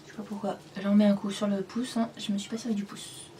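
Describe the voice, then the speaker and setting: A woman's voice: medium pitch, little pitch movement, fast talker, mellow, slight background noise. A woman vlogger chatting casually as she reviews and swatches makeup at home, in a rambling, self-deprecating way. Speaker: beauty vlogger. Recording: voice a bit far from the mic.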